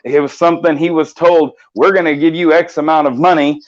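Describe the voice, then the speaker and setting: The host of this laid-back morning live stream is a man with a fairly high, steady voice who talks a little fast. His passionate, rambling stretches are full of restarts, and the recording sounds slightly muffled.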